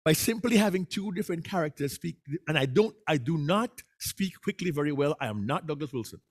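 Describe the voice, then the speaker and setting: Animated man teaching speaking. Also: on the high side, fairly quick, breathy edge. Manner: animated, acts out voices. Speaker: workshop presenter. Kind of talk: public speaking workshop talk.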